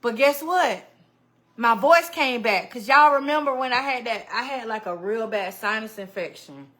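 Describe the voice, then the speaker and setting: A slightly high-pitched woman, a little bright in tone, keeps up a moderate pace while hosting a casual livestream. She chats animatedly, greets people by name and laughs often.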